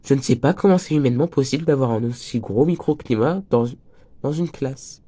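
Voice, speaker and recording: A teen boy runs a crochet tutorial, chatty and joking and prone to drifting off topic, with a slight cold and a voice that's breaking. His medium-pitched voice is dark with a breathy edge, and he talks a little fast.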